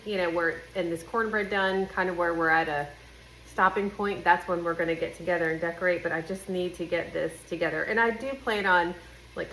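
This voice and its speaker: A woman's voice: on the low side, a bit bright, rough recording. A woman with a nasal, congested voice, chatting casually and folksily to viewers in a bubbly cooking vlog. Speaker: home and cooking vlogger. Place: home kitchen. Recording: kitchen noise, sizzling pan. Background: frying, sizzling, stirring.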